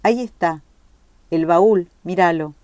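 A woman reading a story aloud, voicing a young woman who speaks quietly and teasingly. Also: fairly low pitch, unhurried, no echo, close to an everyday voice. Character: young woman, playful then guarded.

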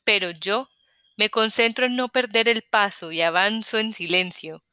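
A woman narrating a story in the first person in a measured, scripted audiobook reading. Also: medium pitch, sharp tone, smooth, no echo, clean studio sound.

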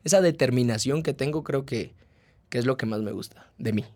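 A young man, co-hosting a casual podcast chat and talking in a halting, joking way full of fillers. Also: medium pitch, a little mellow, dry recording. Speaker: podcast co-host.

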